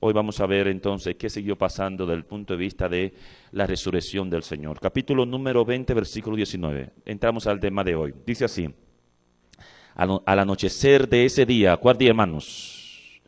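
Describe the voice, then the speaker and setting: Mexican male pastor, low voice, church sermon, reads scripture and quizzes the congregation. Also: moderate pace. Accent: Mexican Spanish. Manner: asks the congregation questions and reads scripture aloud. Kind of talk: sermon with opening prayer.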